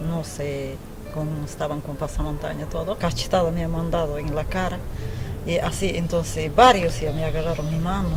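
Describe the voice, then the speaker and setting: A woman from Peru giving a pained, hesitant testimony in an interview. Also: low voice.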